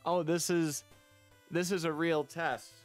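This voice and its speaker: With a fairly high voice and fairly even intonation, a man slowly reads a visual novel aloud on stream as faint music plays behind him. He drifts into rambling, chatty asides between lines of dialogue.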